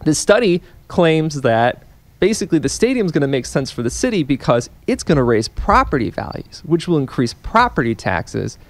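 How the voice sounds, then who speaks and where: A man's voice: on the high side, sing-song, moderate pace, dry recording. A young man in his twenties, a policy analyst guest on a radio show, explaining earnestly and at length with frequent restarts. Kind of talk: radio interview. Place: radio studio. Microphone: studio microphone on a boom arm.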